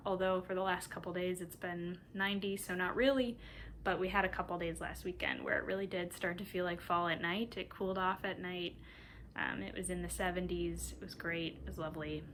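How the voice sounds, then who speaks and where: A woman from Minnesota hosting a knitting podcast in casual chat, chatty and rambling, often breaking into soft laughs. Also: on the low side, slight background noise.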